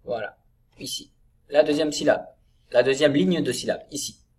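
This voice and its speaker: A man teaching a reading lesson to young children, sounding out syllables slowly and clearly. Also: a little high, a little mellow.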